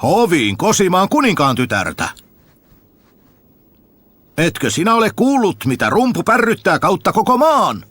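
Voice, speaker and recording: Man voicing haughty young brothers, sneering, scornful, lively storybook voice. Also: high-pitched, long pauses, no echo, voice pushed up, exaggerated voice. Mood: mocking. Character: two haughty, mocking young men.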